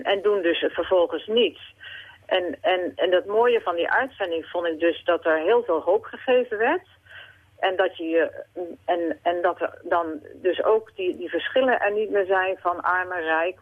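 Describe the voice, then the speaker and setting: A woman's voice: fairly low pitch, normal speed. A woman phoning in to a radio show, talking earnestly with many fillers and restarts. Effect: phone-line caller to a radio show. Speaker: caller. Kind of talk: late-night radio call-in chat. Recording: tinny phone line.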